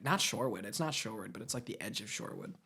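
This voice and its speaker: A man's voice: on the low side, lively intonation, very fast, creaky, bright, forceful tone, slightly rough. A young man guesting on a podcast, chatting casually in slang and laughing his way through a sound-guessing game. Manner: easygoing, slangy, laughs often.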